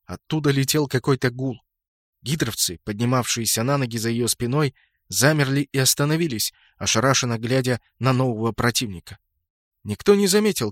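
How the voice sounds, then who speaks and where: A male audiobook narrator reads in a steady, measured way at a middle pitch. The recording is dry and close, with no room sound. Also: no room sound. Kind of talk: scripted narration.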